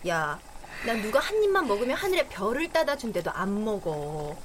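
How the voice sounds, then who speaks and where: An actress playing a sharp-tongued roommate who scolds her friend in a radio drama. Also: mid-range voice, big pitch swings, moderate pace, background noise, close to an everyday voice. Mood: scolding. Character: nagging roommate and hometown friend.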